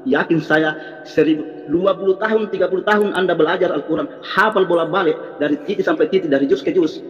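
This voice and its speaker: High-pitched insistent man, dull echoey audio. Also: fairly quick, faint music behind. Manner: insistent, repeats himself. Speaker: Islamic preacher. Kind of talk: heated online debate.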